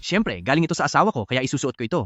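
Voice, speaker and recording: A man dubbing a rich young CEO hiding his identity, quick and flustered. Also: a little high, very animated, a bit bright, dull audio. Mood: touched. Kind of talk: Filipino dub of a drama.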